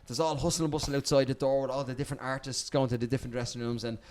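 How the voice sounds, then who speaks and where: A Dublin Irish man, a podcast guest, telling animated stories in casual chat, repeating words and swearing freely. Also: medium pitch, very fast. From Dublin, Ireland.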